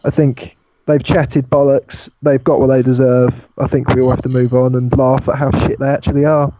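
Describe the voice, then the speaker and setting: A man's voice: mid-range voice, little pitch movement, moderate pace, warm tone, muffled recording, slight background noise. A British man speaking as a team boss guest, blunt and swearing freely. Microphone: online call mic.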